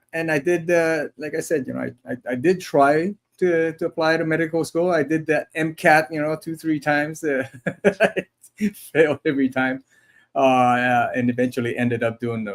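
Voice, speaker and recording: Male co-host, forties, mid-pitched, chatty and self-mocking, casual stream talk. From Taiwan. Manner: chatty, self-deprecating, many restarts and laughs. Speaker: podcast co-host. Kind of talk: casual livestream chat.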